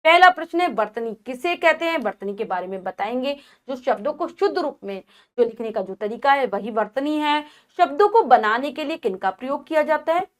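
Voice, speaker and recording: High-voiced woman teaching spelling patiently. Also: lively intonation. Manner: says each wrong spelling then the correct one, slowly stressed; patient, repeats words and asks herself questions. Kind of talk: Hindi spelling lesson for children.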